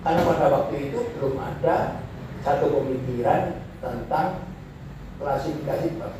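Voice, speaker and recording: A man teaching Arabic grammar in a classroom lecture, slowly repeating Arabic phrases to show how the intonation rises and falls. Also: mid-range voice. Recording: echoey room, voice from far off, faint noise.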